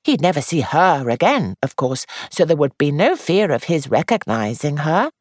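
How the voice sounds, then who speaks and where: A woman's voice: low-pitched, sing-song, normal speed, no room sound, clean studio sound, pitched above the performer's own voice. A woman reading aloud and voicing a young actress who sounds anxious, dramatic and confiding. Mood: scheming.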